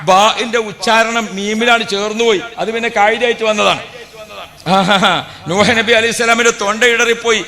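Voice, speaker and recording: A male preacher delivers an animated sermon in a high, bright voice. He tells stories, asks rhetorical questions, and acts out quotes. His voice rings through a reverberant hall. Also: moderate pace. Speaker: Islamic preacher.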